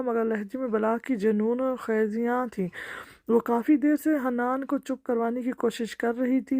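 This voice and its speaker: A woman reading a romantic novel aloud in a dramatic narrating style, slowing down and restarting at times. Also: on the high side, warm tone, no echo. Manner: slow, emotional dialogue delivery with frequent restarts. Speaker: novel reader.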